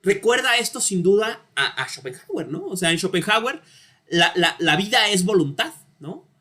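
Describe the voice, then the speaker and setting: Bright-voiced Mexican man lecturing. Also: high-pitched, lively intonation, normal speed. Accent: Mexican Spanish. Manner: conversational, frequent tag questions, stumbling repetitions. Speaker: university philosophy lecturer. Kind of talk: informal lecture.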